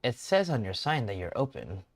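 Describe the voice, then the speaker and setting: A man's voice: lowish voice, big pitch swings, normal speed, dry recording. A man voicing a young adult traveler in a story game, chatting casually. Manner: casual, friendly small talk.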